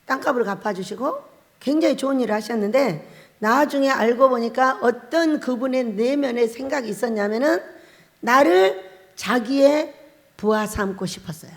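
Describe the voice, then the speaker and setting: Woman, pastor, revival sermon, higher voice, storytelling, long echo of a hall. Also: moderate pace. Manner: storytelling, acts out quoted voices, laughs often. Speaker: pastor, head of a fasting prayer house.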